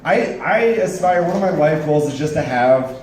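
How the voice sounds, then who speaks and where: Man in his twenties, stand-up comedy, casual and rambling, slightly high voice, noisy roomy recording. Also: moderate pace, distant mic. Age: 20s. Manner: casual, rambling with many fillers. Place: comedy club stage, audience laughing.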